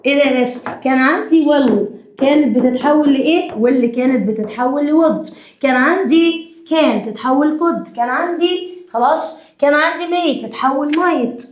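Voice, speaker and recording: A woman with an Egyptian accent teaching an English grammar lesson. She dictates slowly and often checks in with her students. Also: high voice, echoey room. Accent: Egyptian Arabic.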